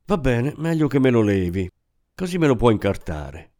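A man's voice: mid-range voice, sing-song, moderate pace, a little mellow, lightly acted. A man voicing a shy, guarded young woman who answers curtly and reluctantly. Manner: curt, reluctant replies.

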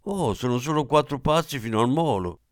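A man reading the part of a brisk, determined young woman guest who brushes off help, raised voice. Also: medium pitch, lively intonation, no echo, studio quality, pitched above the performer's own voice, lightly acted. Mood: insistent. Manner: quick, dismissive, laughing.

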